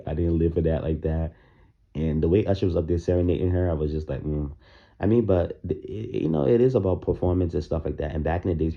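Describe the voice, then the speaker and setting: A man's voice: extremely low pitch, mellow. A man giving casual, opinionated commentary on music, talking loosely with plenty of fillers, in his morning voice. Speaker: music reaction vlogger. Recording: dull lo-fi recording.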